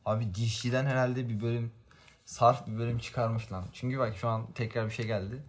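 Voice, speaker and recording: A man's voice: medium pitch, steady tone, a little fast. Young man telling stories, laughing. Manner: storytelling with frequent laughs and slang. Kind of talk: casual chat among friends.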